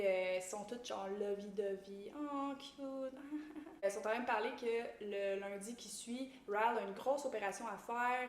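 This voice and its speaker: A woman with a Québécois French accent gives a casual, animated book recap. She mixes English slang into her French and acts out the characters. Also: medium pitch, echoey room. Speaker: book YouTuber.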